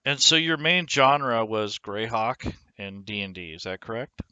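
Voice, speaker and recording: Bright-voiced male interview host. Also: lowish voice, unhurried, clear, resonant tone, dry recording, muffled recording. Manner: friendly, hesitant with many ums. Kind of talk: interview hosting.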